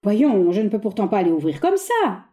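A woman reads a stage play aloud, lightly acting the part of a haughty, exasperated middle-aged gentleman who makes sharp, condescending exclamations. Her voice is mid-range and very animated, and she reads briskly.

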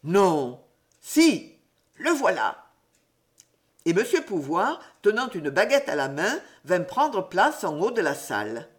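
Expressive woman reading a storybook. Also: on the low side, moderate pace, hardly any pauses.

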